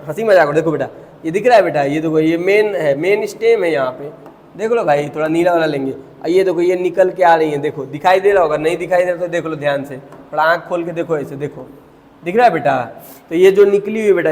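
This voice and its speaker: A young man teaching a biology lecture, chatty and joking, calling his students "beta". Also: sits high. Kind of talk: classroom lecture. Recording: reverberant classroom.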